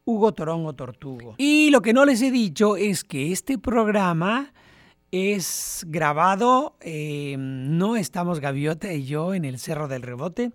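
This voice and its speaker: Relaxed radio host, dry studio sound. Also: mid-range voice, unhurried, no room sound. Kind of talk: radio program introduction.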